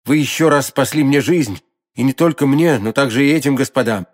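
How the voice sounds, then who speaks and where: A man's voice: medium pitch, a little fast, natural voice. Brief: young impulsive swordsman, earnest, emphatic, storybook hero, read by a man. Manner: urgent, emphatic.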